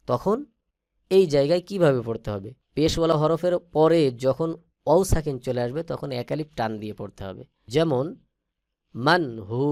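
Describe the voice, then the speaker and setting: A man teaching Quran reading in a lesson, spelling out letters step by step and chanting the words slowly and patiently. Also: a little high, a little mellow, no echo, clean studio sound. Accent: Bangladeshi Bengali. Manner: slow, patient, drawn-out chanted recitation.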